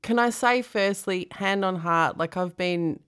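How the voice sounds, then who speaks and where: A woman's voice: medium pitch, unhurried, clean tone. A woman co-hosting a podcast, chatting casually with many exclamations. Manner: warm-hearted, exclaims and reacts often. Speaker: podcast co-host. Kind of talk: casual chat.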